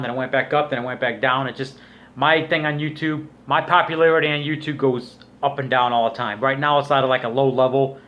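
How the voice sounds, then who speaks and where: A man's voice: medium pitch, fairly bright tone, lo-fi sound. A man giving a casual, rambling commentary rant as a vlogger, in a crude, scornful, swearing manner. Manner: crude, profanity-laden, scornful. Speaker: YouTube vlogger.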